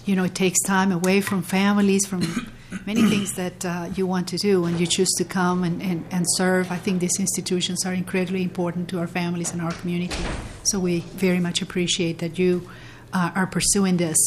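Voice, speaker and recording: A woman chairing a legislative committee hearing, speaking haltingly with many fillers and restarts. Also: fairly low pitch, level tone, noisy background.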